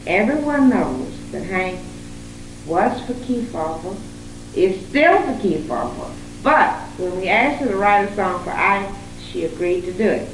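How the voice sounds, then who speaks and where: A woman's voice: medium pitch, a bit bright, slight background noise. A woman songwriter bantering playfully with friends and laughing often. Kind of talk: casual chat among friends. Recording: old echoey tape recorded from far off.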